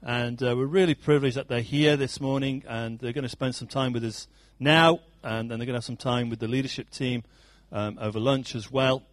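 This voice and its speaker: A man leads the meeting, introducing a guest and praying over him in a relaxed, unhurried way. He pauses often and fills gaps with ums and uhs. His voice is mid-pitched and recorded dry, with no room sound. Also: no echo. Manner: relaxed, hesitant with many fillers. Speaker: church leader introducing a guest. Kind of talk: introduction and prayer.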